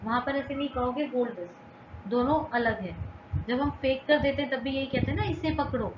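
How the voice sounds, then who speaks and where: A woman teaching English phrases in a slow, repetitive lesson, asking questions and then answering them herself. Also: high voice. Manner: repeats each phrase slowly, asks and answers her own questions. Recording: roomy, dull, noisy home recording.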